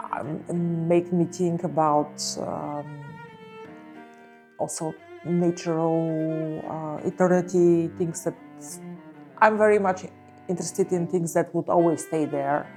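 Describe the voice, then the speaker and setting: A woman from Bulgaria with a somewhat low voice talks about her art in a thoughtful interview. She pauses often, filling gaps with soft "uh" and "um" as she searches for words. A faint cello plays behind her. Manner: hesitant, many pauses and fillers. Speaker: visual artist. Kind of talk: reflective interview talk.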